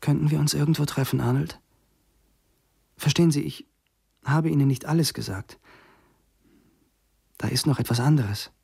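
A man's voice: fairly high pitch, moderate pace, gravelly, pauses often, darkish tone, slightly rough, exaggerated voice. A man voicing a lonely woman who pleads urgently on the phone.

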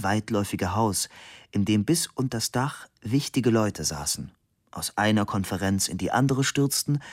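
A man reading a novel aloud as narrator, calm and measured. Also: fairly low pitch, no echo, studio quality. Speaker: audiobook narrator. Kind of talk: scripted narration.

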